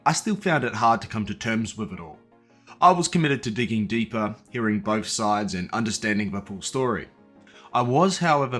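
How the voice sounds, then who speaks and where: Man, exposé narrator, bright forceful tone, blunt, profane, sardonic asides. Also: mid-range voice. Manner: casual, blunt, profane delivery; sardonic, addresses his target directly. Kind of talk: scripted commentary narration.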